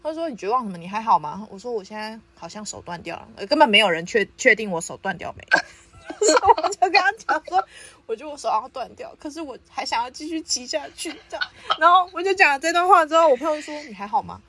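Young woman, a bit high-pitched, a podcast host telling her own story in casual chat with frequent laughs. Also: fast talker. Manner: lively, laughs often while telling the story.

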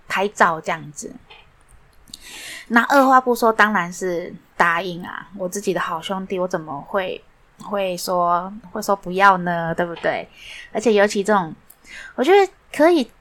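A woman's voice: lowish voice, fairly bright tone. Chatty woman podcast host. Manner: chatty, lots of fillers and asides. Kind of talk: casual storytelling monologue.

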